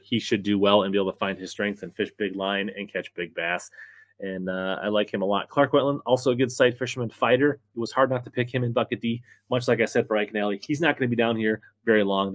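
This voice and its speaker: This fantasy fishing host, an American man in his thirties, talks sports and makes picks for the camera from a desk in a compact indoor space. The pitch is fairly low and the audio carries no echo.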